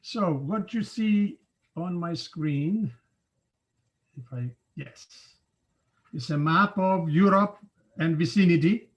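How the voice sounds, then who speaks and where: A man in his seventies from Cyprus, giving an informal online talk from his home study over a video call, unhurried and conversational with frequent filler pauses. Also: a little high. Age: 70s. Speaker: guest scientist speaker. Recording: dull lo-fi video call audio.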